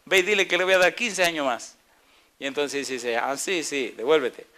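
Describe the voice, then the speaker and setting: A male pastor preaching with a bright, somewhat high voice. He fires questions at the congregation and acts out the people in his story with playful voices. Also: normal speed. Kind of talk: sermon.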